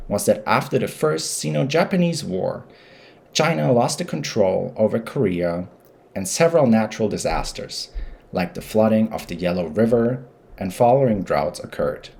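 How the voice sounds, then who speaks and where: A man with a German accent hosting a history channel, narrating history in a careful, measured way. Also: on the low side, expressive, gravelly, darkish tone.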